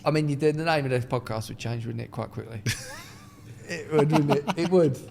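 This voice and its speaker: A man with an Essex accent and a squeaky, slightly whiny voice, swearing and joking in casual podcast banter. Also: a little fast, creaky, big-room sound, heavy background noise. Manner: sweary, jokey. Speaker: podcast co-host.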